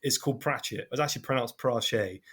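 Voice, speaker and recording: A man's voice: mid-range voice, moderate pace. A young man with a broad Devon accent, chatting on a podcast about running his game, rambling and self-deprecating. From Devon, England. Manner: rambling, self-deprecating, full of fillers and restarts. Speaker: podcast host and game master. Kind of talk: casual podcast chat.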